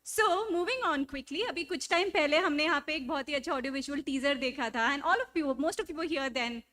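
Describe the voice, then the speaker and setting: A woman with a North Indian accent hosts a live event, introducing panelists in an effusive, gushing, enthusiastic style. Her voice sits high, races along, and is a bit bright. She presents enthusiastically on a live stage, mixing English and Hindi.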